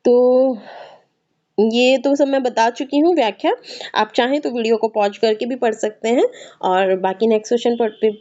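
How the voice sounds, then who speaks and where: A woman's voice: a little high, fairly even intonation, normal speed, dark tone. A woman teaching an exam-prep grammar lesson with a Hindi accent from north India, explaining patiently and repeating words as she checks in with her listeners. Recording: slightly dull, muffled recording.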